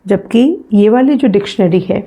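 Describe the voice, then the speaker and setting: A woman teaching an English phonetics revision lesson in Hindi. She speaks patiently, with an Indian English accent, says words again slowly, and often checks in with "है ना". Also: mid-range voice, dark tone, breathy edge.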